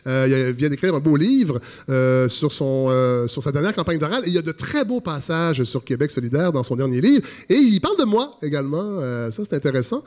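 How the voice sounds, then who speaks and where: Guy in his 40s, ironic podcast host, slightly high voice, mock-serious news bits. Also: sing-song, a little fast, few pauses, darkish tone. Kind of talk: satirical news commentary.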